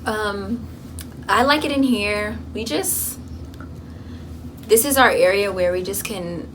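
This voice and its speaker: A young woman vlogging in a college dorm room, chatting casually and telling an animated story full of fillers. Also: mid-range voice, takes it slowly, slight background noise. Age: young adult. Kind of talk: casual chat.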